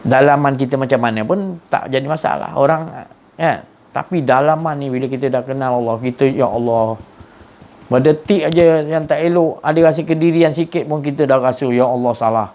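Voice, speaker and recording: A man's voice: medium pitch, brisk, darkish tone. A man giving an earnest religious lecture, often repeating and restarting words. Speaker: religious teacher.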